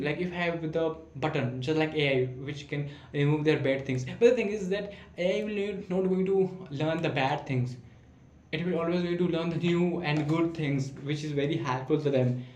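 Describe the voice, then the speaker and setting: A man's voice: fairly high pitch, darkish tone. Hesitant man talking to camera, echoey room. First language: not English. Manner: hesitant, many fillers and restarts. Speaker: vlogger practicing speaking. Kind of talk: casual self-recorded monologue. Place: room at home. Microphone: camera in front of him.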